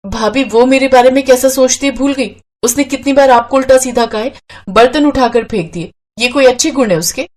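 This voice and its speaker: A woman's voice: sits high, fairly quick, a little mellow, pitched above the performer's own voice, close to an everyday voice. Brief: woman voicing a prim young twin, mild on top, sly underneath. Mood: defensive. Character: mild-mannered young twin sister, a bit smug. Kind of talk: storybook character voice.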